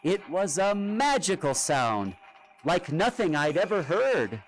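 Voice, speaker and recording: Slow, animated man reading a storybook. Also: high voice, a little hiss or hum. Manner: expressive, dramatic read-aloud delivery. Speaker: storybook reader. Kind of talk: scripted children's storybook narration. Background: music and sound effects.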